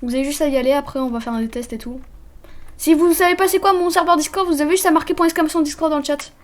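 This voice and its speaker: A young woman with a very high, light voice gives casual let's-play commentary to her chat. She is chatty and bubbly, and keeps stumbling and restarting as she explains the game. Keyboard typing can be heard behind her. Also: fast talker. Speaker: streamer.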